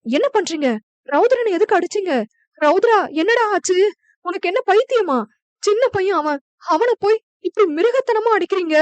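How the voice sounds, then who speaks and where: A woman's voice: expressive, normal speed, no echo, dull audio. A woman voicing a terrified mother who pleads and cries for her young son. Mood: distraught. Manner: shrill, pleading, crying.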